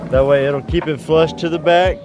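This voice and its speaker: A man's voice: on the high side, fairly even intonation, normal speed, over music. A man gives a casual, folksy, easygoing project walkthrough as a handyman vlogger, slurring slightly and whistling on his s sounds because of dentures.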